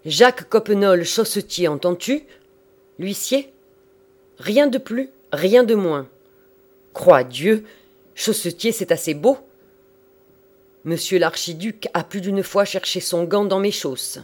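Brief: man putting on a brash, thundering tradesman, loud and raised in pitch, storybook reading. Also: lively intonation, slow, pauses often. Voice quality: booming, thunderous. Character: blunt, proud Flemish hosier, big burly man.

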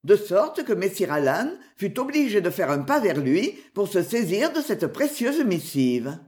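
A woman narrating an adventure story in an expressive, animated reading. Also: mid-range voice, measured pace.

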